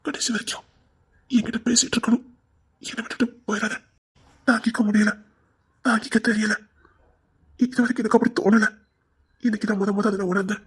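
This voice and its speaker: An actor doing a husky, remorseful husband, Tirunelveli accent. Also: mid-range voice, level tone, brisk, pauses often. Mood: pleading. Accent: Tirunelveli Tamil. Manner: pleading, apologetic, emotional. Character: remorseful short-tempered husband. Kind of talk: audio drama acting.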